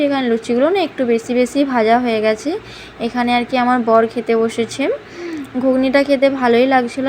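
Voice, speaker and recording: Young woman, high voice, chatty vlog narration, faint background hiss. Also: poor audio. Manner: chatty, with frequent filler phrases; hushed, soft talk so as not to wake the baby. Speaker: vlogger. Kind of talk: casual vlog voice-over narration. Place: home.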